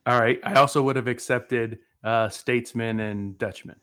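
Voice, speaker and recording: A man's voice: medium pitch, fairly even intonation, moderate pace, fairly bright tone, clean tone. A man from Massachusetts co-hosting a casual sports podcast, playful and joking as he runs a quiz. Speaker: podcast co-host.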